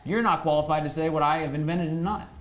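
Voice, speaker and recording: A man's voice: a little high, quick pace. A man co-hosting a late night panel chat, boastful and playfully argumentative, laughing often. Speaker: co-host of a late night show.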